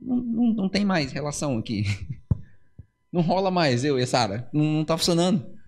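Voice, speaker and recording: A man voicing a weary, doubtful hundred-year-old patriarch in a hushed, low, complaining tone. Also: big pitch swings, fairly quick.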